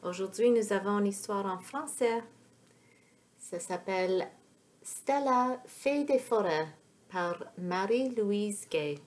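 Woman storyteller for young kids, slow delivery with a lively, varied pitch. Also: a little hiss or hum. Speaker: story reader for young children. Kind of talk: children's storybook read-aloud.

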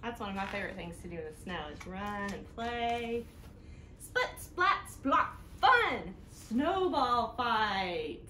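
A woman hosting a library storytime reads slowly to little ones in a fairly high, animated, sing-song voice, addressing them directly. She sits on a couch in her living room, recorded by a camera a few feet away, so the sound is roomy with noticeable background noise.

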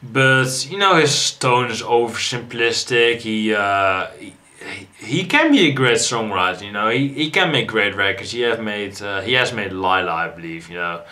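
A man's voice: on the low side, expressive, normal speed, pushed and bright. A tired man hosting a music reaction video, rambling casually with frequent restarts and swearing. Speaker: music reaction channel host.

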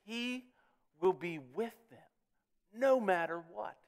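This pastor's voice is high-pitched and slow as he delivers his sermon in the church sanctuary. Earnest throughout, he repeats words frequently and rises in volume on important words while working up to each point.

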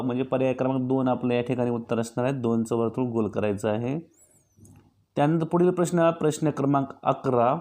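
Mellow-voiced guy teaching little kids exam practice, patient, asks then answers himself. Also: medium pitch. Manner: patient, walks through each option and answers his own questions. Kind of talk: exam-practice lesson for young pupils.

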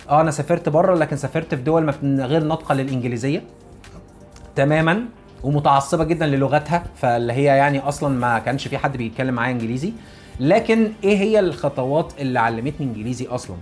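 Fast-talking Egyptian man giving advice. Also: mid-range voice. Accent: Egyptian Arabic. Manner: earnest, repeats key points for emphasis. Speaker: English teacher and YouTuber. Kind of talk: casual motivational talk to camera.

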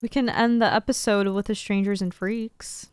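A young woman chatting through a first playthrough of a video game, chatty and excitable. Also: medium pitch, normal speed, smooth. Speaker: let's play gamer. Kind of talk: casual gameplay commentary.

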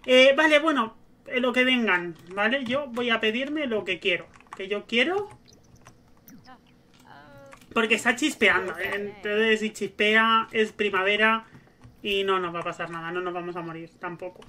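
A woman's voice: medium pitch, normal speed, pushed and bright. A woman, giving casual gameplay commentary as a streamer and chattily narrating each move she makes. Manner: chatty, narrates her own moves aloud. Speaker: gaming streamer.

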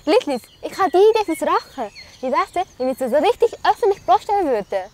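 Amateur film: woman as a daring Swiss German schoolgirl ringleader, high voice, faint outdoor noise. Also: very animated, brisk, a little mellow. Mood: scheming. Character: bold, scheming schoolgirl ringleader. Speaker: actor in an amateur short film.

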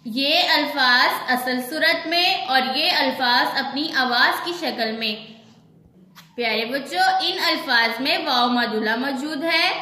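Woman teacher doing a kids reading lesson, spells words out letter by letter, slow and high. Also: sharp tone, echoey room. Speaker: Urdu teacher.

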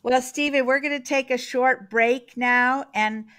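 A middle-aged woman hosts an interview over a webcam call from her office. Her voice sits a little high, and she keeps a friendly, affirming tone as she chats with her guest. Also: fairly even intonation, a little slow, a bit bright. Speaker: podcast host. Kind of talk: casual interview chat. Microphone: video call webcam.

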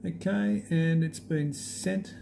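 A man with a low, gravelly voice talks through a tablet app demo at a desk. His tone is mellow and unscripted, full of pauses and fillers. A faint hiss of room noise sits behind him. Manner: relaxed, halting, many fillers. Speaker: app demonstrator. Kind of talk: unscripted screen demo walkthrough.

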